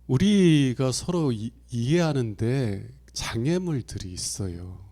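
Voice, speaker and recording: Mellow-voiced pastor preaching. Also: male voice, mid-range voice, expressive, takes it slowly. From Chungcheong Province, Korea. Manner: conversational storytelling, acts out quoted lines with big swings in loudness. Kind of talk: sermon. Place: church sanctuary.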